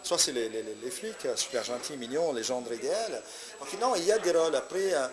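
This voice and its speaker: A man's voice: mid-range voice, expressive, brisk. A man with an Italian accent, a comedian answering interview questions in a hesitant way, with many fillers and restarts. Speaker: comedian guest. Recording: loud crowd chatter behind. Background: crowd chatter.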